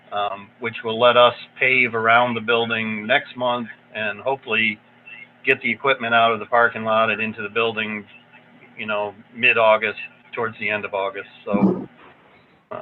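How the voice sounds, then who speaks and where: Man, conference call phone line, tinny, faint hiss, flat even delivery, contractor update, frequent ums. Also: fairly low pitch. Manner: plain, steady report with frequent ums. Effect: heard over a conference call phone line. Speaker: building contractor giving a project update. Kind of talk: meeting update.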